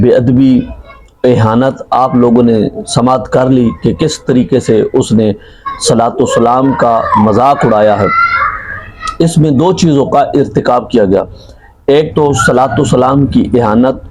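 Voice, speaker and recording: A man speaking as a mufti in a measured religious rebuttal, quoting book references and reciting Arabic phrases. His voice is dark and mellow at a middling pitch. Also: low-quality recording.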